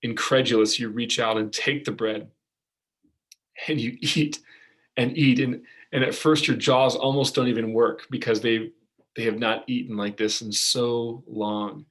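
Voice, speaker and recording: A man preaching a storytelling sermon, soft-spoken with long pauses. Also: medium pitch, little pitch movement.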